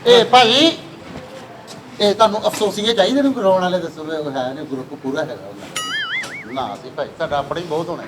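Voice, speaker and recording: A man's voice: on the high side, huge pitch swings, a little fast, noisy background. A man playing an eager, obliging helper in a comic sketch. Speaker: caterer's helper.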